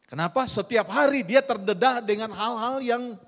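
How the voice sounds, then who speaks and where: A middle-aged man, preaching a sermon in a lively storytelling way and often addressing the congregation directly. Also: very high voice, normal speed. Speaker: pastor. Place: church hall. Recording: long church hall reverb.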